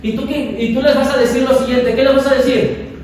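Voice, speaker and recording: A man's voice: extremely high pitch, fairly even intonation, brisk, heavy reverb, far from the mic, a crowd in the background, low-quality recording. A male pastor preaching a sermon, emphatic and repeating key phrases for the congregation. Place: large church hall.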